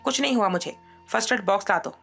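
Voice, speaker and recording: A woman's voice: mid-range voice, fast, creaky, fairly bright tone, faint music behind. A woman voicing a cold young man who speaks in terse, stern phrases. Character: cold, curt young man, brushing others off.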